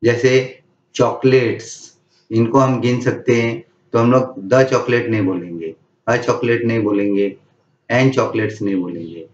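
A man teaching English grammar, reading each rule slowly and then explaining it in Hindi. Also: mid-range voice, steady tone, far from the mic. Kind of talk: slow, deliberate grammar lesson. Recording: echoey room, dull lo-fi sound.

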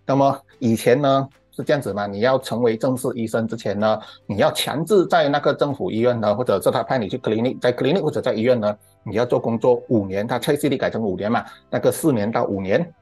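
With a mid-range, darkish-toned voice, a middle-aged Malaysian Mandarin speaker rattles through an emphatic commentary on current affairs, fast and with few pauses. He stretches out "ah" particles and mixes in English words in this opinionated monologue, and soft music plays in the background.

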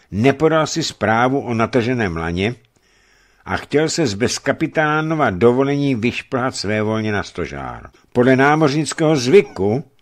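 A man's voice: mid-range voice, voice pushed up, close to an everyday voice. A man voicing a stern old ship captain who questions harshly in a raised voice, in a radio reading of a novel.

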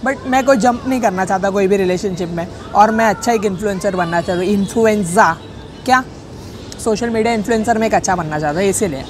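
A man's voice: high voice, fast talker. Young man, casual vlog, rambling and jokey, handheld camera in a cafe, faint noise. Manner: rambling, jokey, self-correcting. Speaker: vlogger. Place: public cafe.

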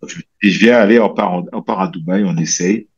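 Talking at a quick pace, a guest bodybuilder and coach in his thirties from French Guiana rambles through a casual interview chat, tossing in fillers and restarting often. His voice is low and slightly husky, heard through a headset on a video call from a small room at home, and the audio comes across a little dull.

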